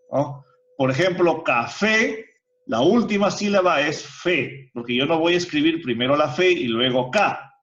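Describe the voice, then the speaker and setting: A man's voice: fairly high pitch, a bit bright. A male teacher giving a grammar lesson in an online class, explaining step by step and asking the students rhetorical questions. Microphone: video call. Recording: muffled video call audio.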